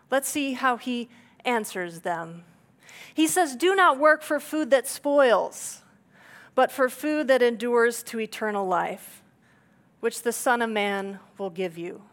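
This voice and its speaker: A woman's voice: a little high, fairly bright tone. A woman pastor giving a conversational sermon, retelling scripture with playful asides and acted-out quotes.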